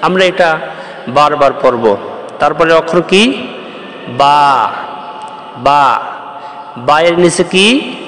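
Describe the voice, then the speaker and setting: A man's voice: fairly high pitch, lively intonation, slow pace, pauses often, fairly bright tone, reverberant, in a large hall, slight background noise. A man from Bangladesh teaching the Arabic letters, explaining each step patiently and chanting the rhymes in a sing-song voice. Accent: Bangladeshi Bengali. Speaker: Quran teacher.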